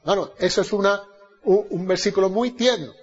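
A man preaching a Bible study sermon. He questions the congregation and answers himself, and his voice swings from loud emphasis to soft, low asides. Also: a little fast, breathy edge, in a large hall. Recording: slightly muffled lo-fi recording.

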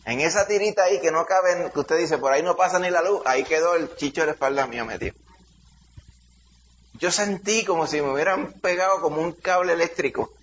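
A middle-aged man with a Dominican accent, a pastor leading a Bible study by telling a lively childhood story with shouted sound effects. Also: on the high side, a little fast. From Dominican Republic. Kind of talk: preaching through a personal story. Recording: dull lo-fi sound, faint hiss.

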